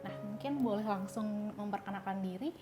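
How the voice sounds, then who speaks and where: Indonesian woman hosting a panel chat, even calm voice, music under it. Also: mid-range voice, a little fast. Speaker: host. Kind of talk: hosted panel talk.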